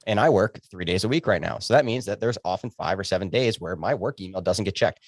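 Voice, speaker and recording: Doctor guy guesting on a podcast, rattles along fast, lowish voice, super dry sound. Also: animated, dry recording. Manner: fast, emphatic, joking. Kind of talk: casual podcast conversation.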